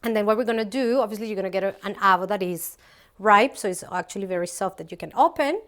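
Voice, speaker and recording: A woman's voice: mid-range voice, quick pace, a bit bright. A middle-aged woman from Colombia, a company founder, casually presenting a cooking recipe in a large open kitchen, chatty with many ums and restarts.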